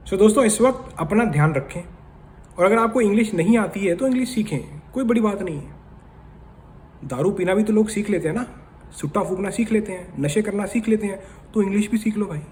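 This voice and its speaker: High-pitched chatty man giving advice. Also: expressive, a little fast, darkish tone, a little hiss or hum. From India. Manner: chatty, opinionated, lecturing tone. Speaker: vlogger. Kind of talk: casual commentary vlog.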